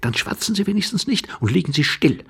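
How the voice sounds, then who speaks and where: Brief: man reading an impatient, mocking young man, hushed and husky, gravelly edge. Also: a little high, sing-song, brisk, voice pushed up, exaggerated voice. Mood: agitated, mocking. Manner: impatient, sneering and urgent, often hushed. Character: agitated, mocking young man hiding under a bed.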